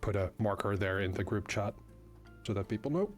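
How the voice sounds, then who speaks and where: A man's voice: lowish voice, fairly quick, faint music behind. A man playing a tabletop game, chatting casually with hesitant fillers and restarts. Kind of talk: casual role-play chat.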